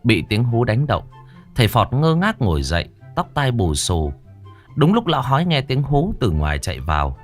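A man narrating a comic folk tale in a lively, animated storytelling manner. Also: mid-range voice, moderate pace, soft background music.

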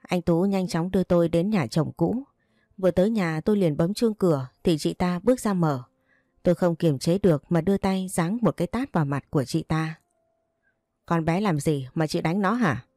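A woman narrates a first-person story in a steady, plain reading voice. Her tone is low and mellow, and the recording is close and dry with no room sound. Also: a little fast, no room sound.

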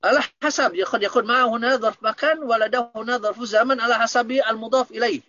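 A man's voice: extremely high pitch, quick pace, sharp tone, muffled recording. A man teaching Arabic grammar in an online lesson, patiently explaining and checking that students understand.

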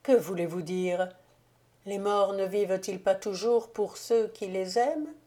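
A woman's voice: medium pitch, a little slow, warm tone, natural voice. A woman reading the part of a grave, tender man who is a stranger, speaking earnestly.

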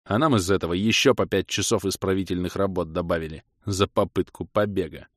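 Male narrator as a gruff prisoner, bass growl, reproachful, dry recording. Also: brisk, no echo. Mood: grumbling.

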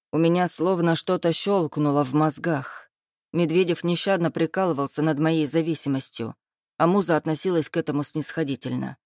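A man reading a first-person novel aloud as an audiobook narrator, in an even storytelling read. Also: on the high side, no room sound, studio quality.

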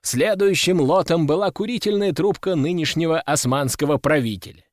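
A man reading a first-person novel aloud in an expressive storytelling manner. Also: fairly high pitch, normal speed, no echo, studio quality. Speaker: audiobook narrator. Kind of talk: first-person scripted narration.

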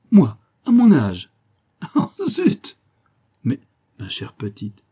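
Dark-voiced male audiobook narrator. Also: mid-range voice, breathy edge. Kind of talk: scripted narration of a novel.

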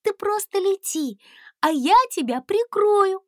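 A woman's voice: very high voice, lively intonation, takes it slowly, no room sound, studio quality, voice pushed up, full character voice. A woman voicing a brave, spirited young princess who speaks urgently and commandingly. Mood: encouraging.

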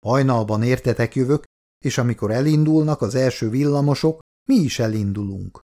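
A man's voice: mid-range voice, warm tone, lightly acted. A man voicing a tough, bossy teenage boy who leads a street gang and gives commands. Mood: commanding. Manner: commanding, threatening.

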